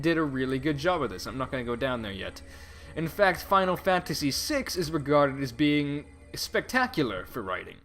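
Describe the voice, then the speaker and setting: A man with a slightly high voice gives casual commentary as he plays a game. He is wry and likes quaint, old-fashioned turns of phrase. Faint game music plays behind him. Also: a bit bright. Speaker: gameplay commentator.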